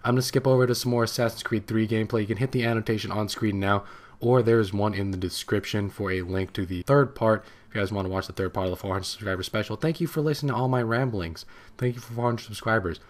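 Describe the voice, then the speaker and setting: A young man in his late teens tells a personal story as commentary over gameplay. He rambles and gets excited as he goes, in a voice that sits a little low. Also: fast talker. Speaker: gaming channel host.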